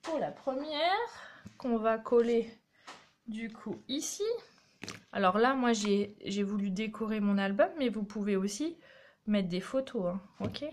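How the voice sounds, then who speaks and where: A woman's voice: mid-range voice, measured pace. A woman hosting a craft tutorial, chatting and encouraging viewers as she demonstrates step by step. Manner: chatty, encouraging, talks while working.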